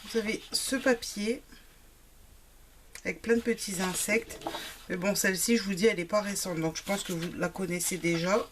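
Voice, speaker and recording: A woman's voice: medium pitch, steady tone, normal speed, background noise. A woman chatting casually through a craft shopping haul, with frequent fillers. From Italian family background. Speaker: craft vlogger. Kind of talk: casual product haul chat.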